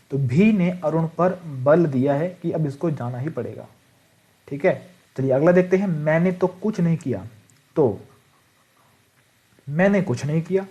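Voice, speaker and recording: Mellow-voiced man teaching grammar. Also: on the high side, highs cut off. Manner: repeats rhetorical questions and "ठीक है" to check understanding; writes on a board while explaining. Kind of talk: online exam-prep grammar lesson.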